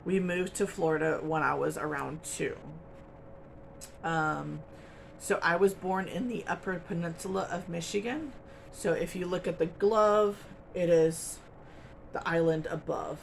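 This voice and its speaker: A woman hosting a crochet channel talks casually to her camera at home, wandering from point to point with plenty of ums. Her voice has a gravelly edge. A faint hiss of noise sits behind her. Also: on the low side, unhurried. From United States. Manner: chatty, rambling, with frequent ums and little laughs.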